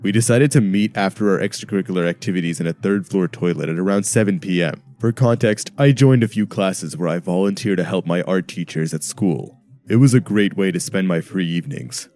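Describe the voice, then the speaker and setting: Deep-voiced male horror narrator. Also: brisk. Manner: steady first-person storytelling. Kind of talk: scripted horror story narration. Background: soft background music.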